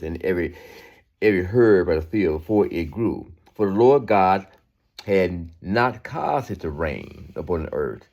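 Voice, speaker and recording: A man with a deep, slightly mellow voice reads scripture and comments on it in an informal sermon style, captured on dull-sounding audio. He is emphatic, repeats phrases to drive them home, and uses asides to draw agreement.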